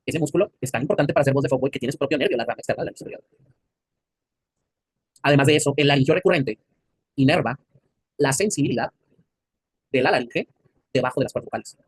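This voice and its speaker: Fast-talking husky Mexican anatomy teacher. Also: male voice, medium pitch, no echo. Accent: Mexican Spanish. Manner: crude slangy banter, quizzing the class. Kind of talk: classroom lecture. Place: classroom.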